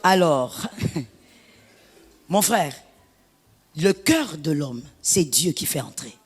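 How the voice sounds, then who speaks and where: Husky woman pastor preaching. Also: sits low, drawn-out words, big-room sound. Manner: animated preaching, lapsing into sung phrases and shouts. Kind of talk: sermon.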